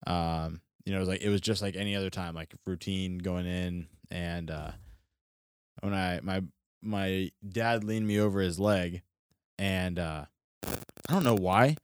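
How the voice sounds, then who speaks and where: Deep-voiced young man rambling through a story. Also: a little slow, smooth, no echo, studio quality. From Florida, US. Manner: rambling, full of fillers and restarts. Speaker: podcast co-host. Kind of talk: casual storytelling. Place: studio.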